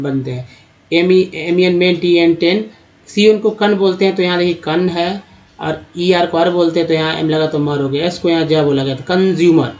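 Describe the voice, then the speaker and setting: Man teaching phonics in a dull recording. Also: a little high. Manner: steady, repetitive spelling-out of letter groups. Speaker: English reading teacher. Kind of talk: Hindi-language phonics lesson.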